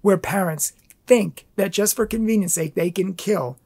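A man's voice: high-pitched, moderate pace, darkish tone. A man giving an earnest, impassioned inspirational talk, telling a personal story as a pro-life speaker.

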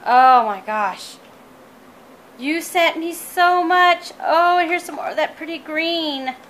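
Bubbly high-voiced woman gushing over a craft unboxing. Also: takes it slowly, fairly bright tone. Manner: bubbly, gushing, many fillers and "you guys". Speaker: crafting vlogger. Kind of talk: casual unboxing vlog.

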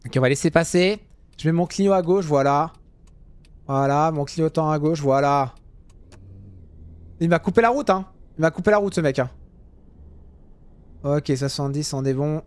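Casting: young gamer, slightly high voice, joking commentary with sudden outbursts. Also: male voice, moderate pace, pauses often, clean tone. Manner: chatty, jokey, swings to loud yelling at drivers. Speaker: gaming youtuber. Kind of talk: casual gameplay commentary.

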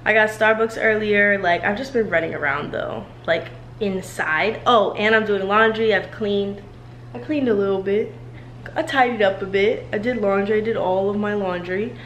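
A woman in her twenties chats casually to a handheld camera held at arm's length in her apartment. She's upbeat and slangy and laughs often, her mid-range, slightly bright voice moving at a moderate pace. The recording is rough, with slight background noise.

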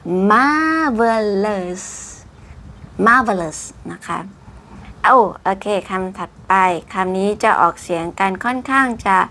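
A woman's voice: mid-range voice, sharp tone. Chatty woman teaching English words. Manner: exaggerated slow pronunciation of English words; chatty, polite particles. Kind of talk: casual vocabulary lesson.

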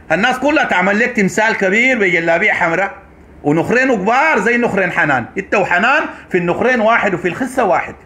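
A man with a Sudanese Arabic accent rants at a rapid clip, his voice bright and cutting with a somewhat raised pitch. He is fiery and accusatory, driving each point home by repeating it. It is the delivery of a commentator addressing his audience directly. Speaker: online commentator. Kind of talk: political rant to camera.

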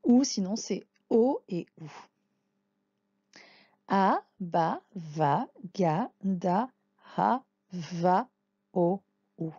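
A woman's voice: lowish voice, lively intonation, drawn-out words, pauses often, mellow, husky, no echo, muffled recording. A woman teaching a language lesson, patiently naming and sounding out letters one by one. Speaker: Hebrew teacher. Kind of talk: slow spoken lesson.

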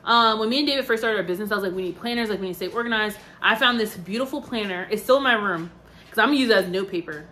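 Racing along at a medium pitch with a bright, forceful tone, a worn-out vlogger in her twenties chats to camera in a loose, rambling way, full of "like," "um," and asides. A little hiss or hum sits under the recording.

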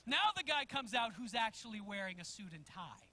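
High bright-voiced guy preaching, animated storyteller pastor, chuckles a lot. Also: moderate pace. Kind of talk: sermon. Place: church sanctuary.

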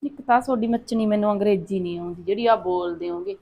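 A woman's voice: medium pitch, quick pace, vocal fry, dull audio, close to an everyday voice. An actress playing a thrifty middle-aged mother-in-law who scolds in a lecturing way, with a Punjabi accent. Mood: scolding. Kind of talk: short-film acting.

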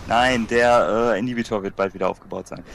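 A man's voice: fairly low pitch, steady tone, brisk, vocal fry, a bit bright. A young man chatting playfully and boastfully during a casual gaming session. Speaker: gamer.

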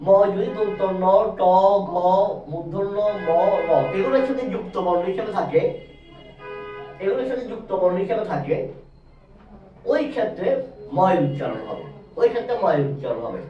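A man with a high voice teaches a grammar rule at a board, spelling out letters one by one and repeating each point slowly. He sounds set back from the mic in an echoing room, and the sound is dull. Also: sing-song, faint music behind. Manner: addresses viewers directly, self-correcting. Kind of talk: whiteboard grammar lesson. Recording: roomy, distant, dull sound.

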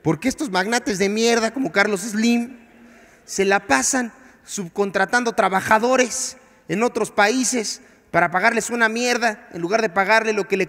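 A young Mexican man doing stand-up with a handheld mic on a theater stage, dropping to low asides and then bursting into loud mock outbursts. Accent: Mexican Spanish. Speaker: stand-up comedian. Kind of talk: stand-up comedy set. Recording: theater with long reverb.

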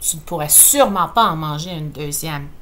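A man's voice: a little high, normal speed, a bit bright, a little hiss or hum, pitched below the performer's own voice, close to an everyday voice. A woman voicing a skeptical, blunt contest judge. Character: skeptical contest judge, gruff adult man.

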